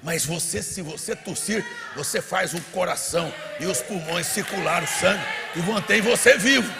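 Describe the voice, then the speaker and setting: A Brazilian pastor giving a fiery sermon, swinging from low murmurs to shouted exhortation in a large church hall. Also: male voice, normal speed, creaky, background noise. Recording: live church hall with crowd and reverb.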